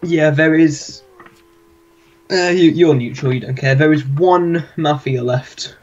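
A man's voice: fairly high pitch, takes it slowly, a little mellow, lo-fi sound. A young man playing an online game and chatting casually with a friend, swearing and joking. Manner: sweary, laughing, banter. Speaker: let's play commentator. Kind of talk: casual gaming chat.

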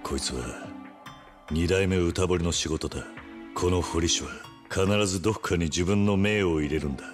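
A man as a deep, stoic gangster. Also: moderate pace, music in the background, close to an everyday voice. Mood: brooding. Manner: terse, restrained. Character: stoic, brooding tough male ex-yakuza in his thirties. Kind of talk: dramatic video game acting.

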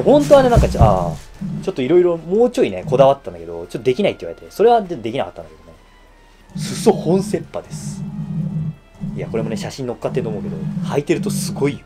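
A man shows off his own bespoke suit in a casual show-and-tell review. He's chatty and lively, laughing often, with his pitch swinging up and down.

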